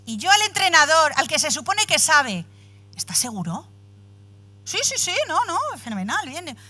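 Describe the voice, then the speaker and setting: A woman in her forties giving a motivational talk, addressing the audience directly and telling a personal story with acted-out dialogue. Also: on the high side. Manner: animated storytelling, acts out dialogue. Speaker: speaker at a women's empowerment event.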